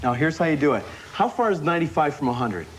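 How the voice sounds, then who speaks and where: A man's voice: a little high, big pitch swings, fast. A man teaching step by step in a live infomercial demonstration, encouraging and prompting with questions. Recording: noisy studio with audience behind.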